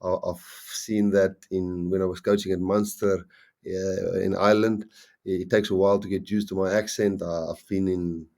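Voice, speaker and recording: Low and gravelly with a dark tone, this middle-aged South African man speaks in a flat way and a strong Afrikaans accent. He's a rugby coach chatting casually on a live stream, rambling, halting and restarting his sentences often.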